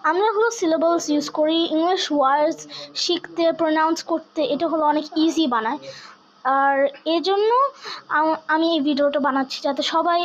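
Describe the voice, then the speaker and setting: Woman w/ teaching english syllables, super high voice, spells stuff out one letter at a time. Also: steady tone, moderate pace, muffled recording, slight background noise. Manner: spells words out letter by letter, mixing Bengali and English. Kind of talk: home-made language lesson.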